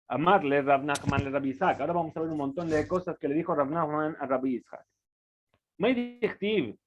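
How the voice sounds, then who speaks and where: A man teaching a Talmud lesson, reading phrases aloud and then explaining them, with frequent restarts and rhetorical questions. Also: a little high. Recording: phone-like narrow audio.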